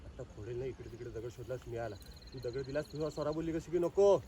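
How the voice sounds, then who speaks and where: A man's voice: mid-range voice, fairly even intonation, quick pace, warm tone, distant mic, a little hiss or hum. Marathi man directing a child actor. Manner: coaching, talks through each action and line. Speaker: film director. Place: outdoor rural film shoot.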